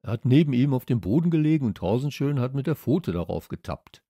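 A man's voice: medium pitch, very animated, brisk, warm tone, dry recording, clean studio sound, voice pushed up. A man voicing a good-natured schoolboy in a children's audiobook, talking in loose street slang. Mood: casual.

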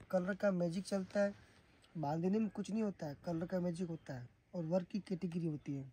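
A man from Rajasthan, giving an emphatic, repetitive sales pitch for the sarees he makes. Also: a little mellow, husky, poor audio. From Rajasthan, India. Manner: emphatic, repetitive praise of the goods. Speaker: saree seller and manufacturer. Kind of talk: sales pitch showing products.

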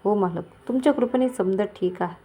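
A woman's voice: mid-range voice, fairly quick, mellow, husky. A woman voicing an idle, drinking village husband who speaks meekly and deferentially. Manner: meek and deferential.

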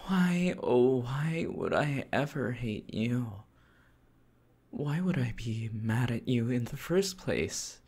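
A man playing Douma, a slow, sly whispering demon. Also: medium pitch, lively intonation, a little mellow, husky, exaggerated voice. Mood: mocking. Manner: sing-song, mocking, drifting into whispers. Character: sly, cheerfully cruel male demon lord. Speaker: voice actor. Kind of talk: whispered role-play.

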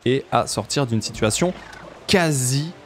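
A man playing a hyped male esports caster, calling the action in rapid hype commentary. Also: mid-range voice, animated, a little hiss or hum, lightly acted.

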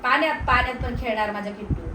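Young mom filming a family outing on her phone, slightly high voice, lots of traffic noise behind. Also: quick pace, reverberant. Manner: chatty, addresses viewers and coaxes a toddler. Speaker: family vlogger. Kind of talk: casual family vlog chat. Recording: phone video with clear street noise.

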